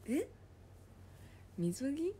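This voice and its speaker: A woman casually chatting on a livestream, reading viewer comments aloud and often dropping into a soft whisper. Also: high-pitched, big pitch swings, extremely slow. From Japan.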